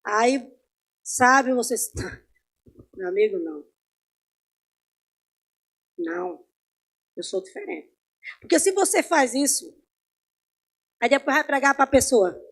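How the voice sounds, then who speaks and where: A high-pitched woman, teaching a Sunday Bible class in a church. She talks conversationally and keeps asking her listeners questions. Her voice swings from loud to soft as she tells stories. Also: sing-song, slow pace, gravelly, long pauses.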